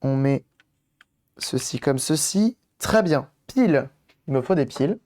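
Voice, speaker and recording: Hoarse male streamer, casual and chatty, mid-pitched, talking viewers through hands-on modding work. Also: animated, unhurried, a little mellow. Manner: chatty, talks to viewers while tinkering, thinks aloud. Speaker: streamer doing electronics modding. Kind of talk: casual live-stream chat while working.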